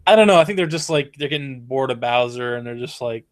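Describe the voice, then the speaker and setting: A man's voice: medium pitch, expressive, fast talker. A man co-hosting a casual web show, talking in a loose, rambling way. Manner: rambling, trails off with fillers. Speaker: co-host. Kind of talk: casual chat.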